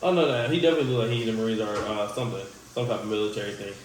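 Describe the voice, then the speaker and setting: A man's voice: fairly low pitch, racing, distant mic. A man hosting a reaction video, talking casually with lots of fillers. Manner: relaxed, conversational, many fillers. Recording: echoey room with faint noise.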